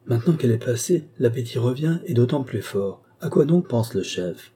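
A man voicing a blustering, husky old country gentleman. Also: medium pitch, animated, moderate pace, pitched above the performer's own voice. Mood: hearty, blustering. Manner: loud, blustering, exclamatory. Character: boisterous hearty older country gentleman, man.

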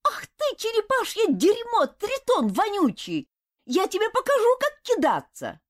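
Shrill bratty boy warrior, shrieking curses, very high pitch, audiobook, voiced by a woman. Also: wildly swooping pitch, a little slow, dry recording, clean studio sound, full character voice. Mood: furious.

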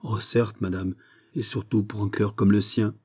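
A man's voice: on the low side, flat delivery, normal speed, a little mellow, breathy edge. A man reading an audiobook, voicing a deferential young courtier who feigns innocence. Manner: deferential, falsely innocent, polite. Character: evasive young male courtier, feigned naivety.

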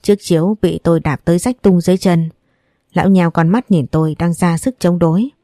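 A woman reading a novel aloud in first person, in a steady, even storybook narration. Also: lowish voice, a little fast, no room sound, clean studio sound. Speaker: audiobook narrator.

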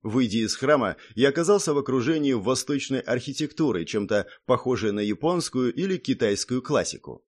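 Male audiobook narrator, animated delivery. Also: medium pitch, a little fast, few pauses. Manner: steady and matter-of-fact, with wry asides. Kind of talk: first-person audiobook narration.

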